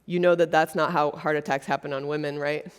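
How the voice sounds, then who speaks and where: A Brazilian woman with a low, clear, resonant voice and steady tone speaks fairly quickly as she gives a conference keynote before an audience. She comes across as earnest and conversational, using frequent fillers.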